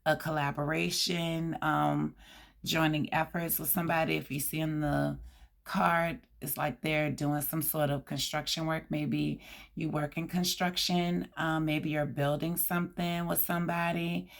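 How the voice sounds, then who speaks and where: A woman with a hoarse, scratchy voice giving a tarot card reading, reading out card meanings and chatting casually to her viewers. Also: low voice, level tone, unhurried. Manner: reads card meanings aloud with chatty asides. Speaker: tarot reader.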